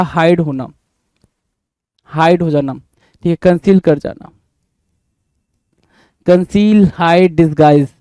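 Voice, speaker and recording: High-voiced man teaching vocabulary. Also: dark tone, dry recording. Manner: spells words letter by letter, asks and answers his own questions. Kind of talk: exam-prep vocabulary lesson.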